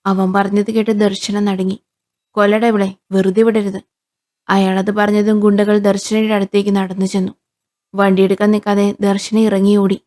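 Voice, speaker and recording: A woman from Kerala narrating a scripted crime story in a steady storytelling voice. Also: medium pitch.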